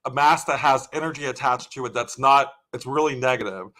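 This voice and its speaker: Bright-voiced male live-stream host. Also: mid-range voice, fairly quick. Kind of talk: live paranormal stream chat.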